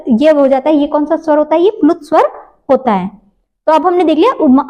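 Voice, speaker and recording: A woman with a high voice teaches a grammar lesson in a patient classroom way. She asks the class questions and answers them herself, goes over each point again slowly and draws out the sounds she is demonstrating. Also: a little mellow, poor audio.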